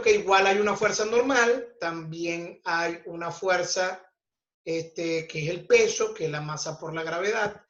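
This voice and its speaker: Man, teacher, physics lesson, very slow and deliberate, keeps asking "ok?", roomy dull lo-fi recording. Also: sits high, fairly bright tone. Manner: slow, deliberate explaining, checks in with "ok?" constantly.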